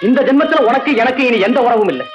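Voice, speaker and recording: A man's voice: extremely high pitch, animated, quick pace. Man playing a stern, bitter husband. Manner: stern, emotional outbursts. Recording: dull audio with loud music behind.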